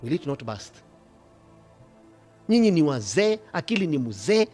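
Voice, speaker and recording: A middle-aged bishop with a Kenyan accent, preaching passionately, swinging from hushed asides to loud rebukes. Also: male voice, a little high, big pitch swings, a little slow, soft background music. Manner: passionate, switching between whispers and shouting. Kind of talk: fiery sermon.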